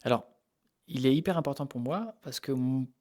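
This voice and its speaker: This Normandy-born man, a native French speaker, is being interviewed as a guest about his work researching animal behaviour. He explains things informally, hesitating and repeating words. His voice is mid-range, slightly mellow, and his pace is normal.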